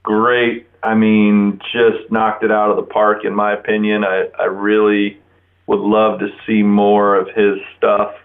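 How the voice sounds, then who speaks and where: Over a narrow-band telephone connection, a forty-something guest from Florida, United States, talks casually in an interview. His fairly low voice is monotone and a little slow, with noticeable vocal fry.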